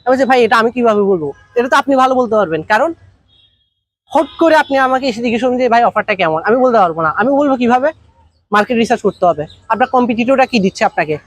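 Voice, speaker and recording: A man's voice: extremely high pitch, lively intonation, racing, dry recording. A man with a Bangladeshi Bengali accent giving a business workshop lecture. He talks conversationally and keeps firing rhetorical questions and everyday examples. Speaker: business trainer.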